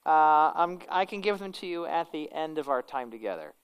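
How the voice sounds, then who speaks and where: A woman's voice: deep voice, expressive, moderate pace, clear, resonant tone, poor audio. A woman pastor with a kindly, conversational manner, teaching an informal church class and correcting herself as she goes. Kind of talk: informal religious lecture and prayer.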